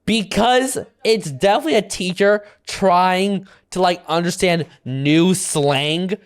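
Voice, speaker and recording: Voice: medium pitch, takes it slowly. A reaction video host giving casual commentary who exclaims and laughs in disbelief.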